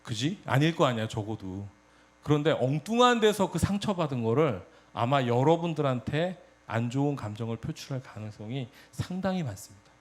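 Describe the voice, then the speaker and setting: A man preaching a sermon to a youth congregation, telling a story in a lively, direct way and often speaking straight to his listeners. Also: medium pitch, moderate pace. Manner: animated storytelling, addresses audience directly. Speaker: youth pastor.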